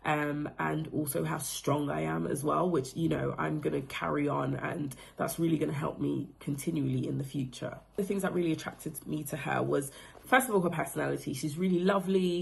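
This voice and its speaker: This woman's voice sits low, gravelly yet a little mellow. She is in her thirties, comes from the Democratic Republic of Congo, and casually reflects on being coached in loose phrasing full of fillers.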